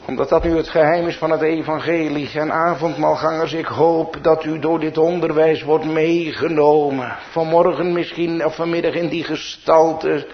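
A man's voice: on the high side, steady tone, normal speed, hardly any pauses, muffled recording. A man with a Dutch accent preaching a sermon as pastor, building to emphatic peaks.

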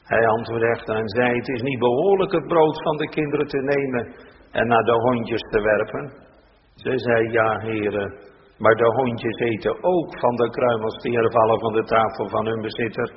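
A man, a pastor reading scripture aloud in a church service, slow and solemn with rising emphasis. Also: medium pitch, fairly even intonation. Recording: dull, echoey church hall recording.

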